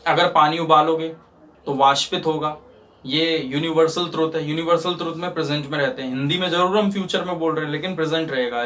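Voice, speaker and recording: A man's voice: on the high side, a bit bright. A man teaching grammar, explaining patiently with everyday examples and checking that his students understand. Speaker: English teacher. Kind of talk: spoken English lesson.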